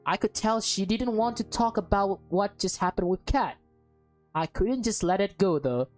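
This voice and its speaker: A woman hosting a let's play reads a visual novel aloud informally, stumbling over words and dropping casual comments on the story. Her mid-range voice has a darkish tone and moderate pace, close-miked with background music underneath.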